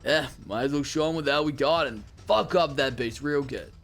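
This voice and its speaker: A woman's voice: deep voice, fairly quick, music in the background, pitched below the performer's own voice. A woman voicing a brash, protective young male fighter in a video game, blunt and commanding. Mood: fired up. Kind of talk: dramatic visual novel read-aloud.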